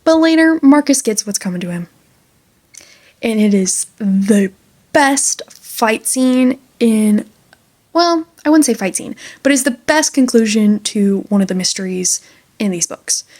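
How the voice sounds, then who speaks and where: A woman's voice: on the high side, animated, unhurried, a little mellow. A woman talking through a book in a casual review vlog, chatty and enthusiastic with lots of fillers.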